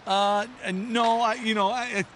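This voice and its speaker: A man's voice: sits high, steady tone, moderate pace, fairly bright tone, a little hiss or hum. A middle-aged man from a first-generation Irish family, chatting casually as an interview guest in a rambling way, full of "you know" and restarts. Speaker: interview guest, player's father.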